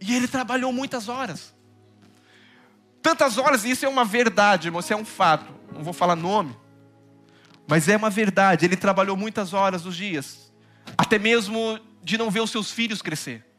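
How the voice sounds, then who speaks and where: A pastor delivers a sermon in a high, bright, forceful voice. He swings between urgent loud bursts and hushed low stretches, calling the listeners brother. Soft music plays faintly underneath. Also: normal speed. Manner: addresses listeners as brother, often says hallelujah.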